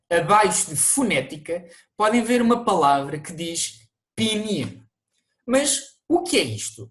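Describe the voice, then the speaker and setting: A teacher with a European Portuguese accent, narrating an online language lesson and explaining things to viewers, with the odd restart. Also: mid-range voice.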